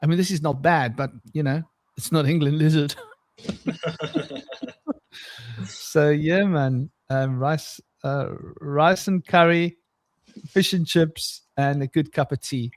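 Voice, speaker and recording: A man's voice: a little high, takes it slowly, long pauses, dry recording. Rambling, jokey male podcast co-host. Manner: rambling, jokey, laughs often, many restarts. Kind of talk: casual conversational podcast chat.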